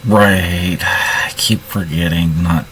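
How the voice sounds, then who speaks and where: Deep, slow-talking man at role-play. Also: steady tone, a bit bright, slight background noise, low-quality recording. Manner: halting, restarts sentences. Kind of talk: casual role-play narration.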